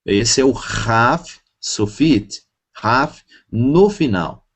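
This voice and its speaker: A man teaching a class, speaking slowly and repeating each word for his students to drill pronunciation. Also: medium pitch, lively intonation, breathy edge. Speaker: Hebrew teacher. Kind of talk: classroom lesson.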